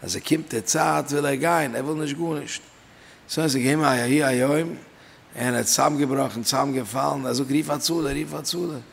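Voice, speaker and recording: Male Torah teacher, gravelly voice, sing-song lecture delivery in a reverberant room. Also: mid-range voice, steady tone, brisk. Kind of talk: Talmudic lecture in Yiddish-inflected German.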